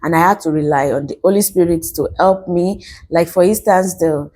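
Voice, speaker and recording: Female vlogger, thirties, lower register and very mellow tone, devout testimony, restates phrases for emphasis. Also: moderate pace. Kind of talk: personal testimony vlog to camera.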